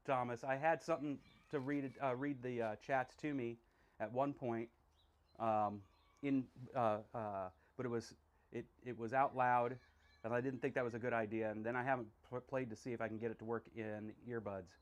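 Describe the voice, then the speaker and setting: A man's voice: medium pitch, steady tone, normal speed. A man talking casually while he works at a forge, chatty and self-deprecating, thinking aloud with many ums and uhs. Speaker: blacksmith streamer. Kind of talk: casual talk while working. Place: blacksmith workshop.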